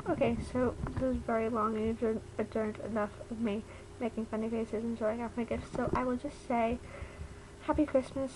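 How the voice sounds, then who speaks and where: A woman's voice: on the high side, background noise. A young adult woman chatting casually to camera in her bedroom, rambling informally, her speech slightly impeded by a retainer. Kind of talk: casual vlog chat to camera. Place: bedroom at home.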